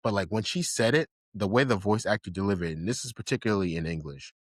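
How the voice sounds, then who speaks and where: A man's voice: lowish voice, quick pace, slightly rough, dry recording, studio quality. A man co-hosting a casual podcast chat, rambling with lots of fillers and enthusiasm. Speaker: podcast co-host. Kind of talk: casual chat about anime.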